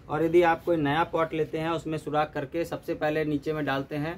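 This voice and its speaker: A man giving a steady, step-by-step gardening demonstration, often mixing English terms into his explanations. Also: fairly high pitch, fairly quick, a little hiss or hum. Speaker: gardening instructor.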